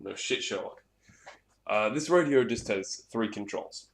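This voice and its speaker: Speaking at a measured pace in a fairly low voice, a hobbyist walks through a hands-on gear demo in an unscripted, rambling manner with occasional swearing. The room is echoey, with clear background noise and clicks.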